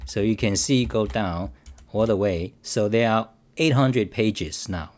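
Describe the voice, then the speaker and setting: With a fairly low, darkish voice and a slightly slow pace, a man hosts a livestream and talks about code off the cuff. Reading chat aloud and responding to viewers, he rambles, restarts often, and repeats himself with defensive emphasis.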